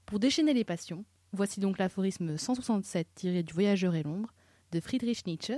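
A woman of middle pitch reads poems and passages aloud for a podcast. She reads carefully but stumbles at times, and the sound is dry and close. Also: moderate pace, dark tone, no echo. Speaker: podcast co-host. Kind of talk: reading poems and texts aloud.

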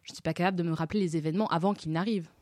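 A woman's voice: on the low side, fairly even intonation, rapid-fire, a little mellow, no echo, studio quality, close to an everyday voice. A woman voicing a bewildered, curious young girl in a storybook reading, speaking earnestly. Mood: puzzled.

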